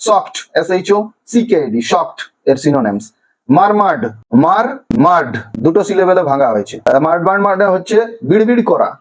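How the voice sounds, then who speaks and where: High-voiced man teaching word by word. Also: very animated, rough recording. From Bengal. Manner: slow, drawn-out pronunciation of each word by syllables. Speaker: primary school English teacher. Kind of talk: classroom lesson explaining vocabulary.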